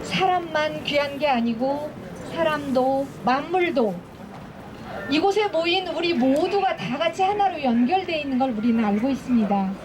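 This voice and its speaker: Solemn high-voiced woman speaking at a rally. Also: animated, background noise. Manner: solemn, slow, prayerful. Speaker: representative of a religious environmental group. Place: outdoors at a street protest.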